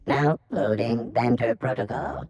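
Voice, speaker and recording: Booting-up robot vendor. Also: male voice, mid-range voice, lively intonation, measured pace, vocal fry, a little mellow, no room sound. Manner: announces system status in stiff machine phrases. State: booting up, loading its program. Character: male robot drink vendor, flat mechanical salesman. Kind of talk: video game character dialogue.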